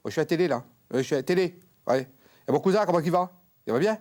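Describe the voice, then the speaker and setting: A crude, dim fairground medium. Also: male voice, fairly low pitch, very animated, fast talker, darkish tone, breathy edge, full character voice. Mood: chirpy on phone. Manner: slangy, boastful, rambling. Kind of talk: comedy sketch acting.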